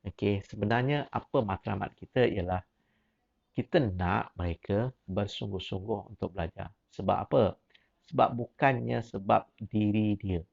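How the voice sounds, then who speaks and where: Gravelly low-voiced Malaysian man teaching. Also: normal speed, darkish tone. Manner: repetitive questioning, rising emphatic prompts, mixes English words. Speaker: teacher giving a workshop to teachers. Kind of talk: teacher training talk, demonstrating a questioning exercise. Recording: dull lo-fi recording.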